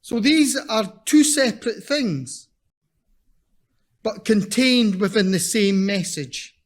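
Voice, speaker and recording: A man with a broad Scottish accent giving a conference presentation in a blunt, emphatic, deliberate manner, repeating his key points. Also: high-pitched, expressive. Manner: slow, deliberate delivery for non-native listeners. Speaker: invited seminar speaker.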